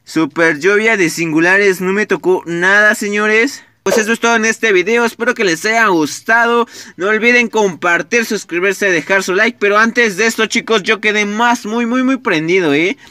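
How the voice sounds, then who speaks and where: High, bright excitable Mexican guy. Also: no room sound, studio quality. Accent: Mexican Spanish. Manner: excitable, swears often, talks straight to viewers. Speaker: gaming YouTuber. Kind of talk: casual gameplay commentary.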